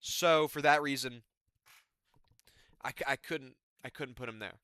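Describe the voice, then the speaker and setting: A man's voice: medium pitch, a little slow, sharp tone, smooth, no room sound, studio quality. A man giving casual comedic commentary as an MMA YouTuber, rambling and self-deprecating.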